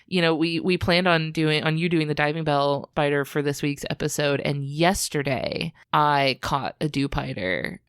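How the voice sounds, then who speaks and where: A woman's voice: deep voice, normal speed, few pauses, clean tone, no echo, studio quality. A woman co-hosting a podcast, chatting casually and telling a story with lots of laughter. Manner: animated storytelling, laughs often. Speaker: podcast co-host. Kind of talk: casual chat.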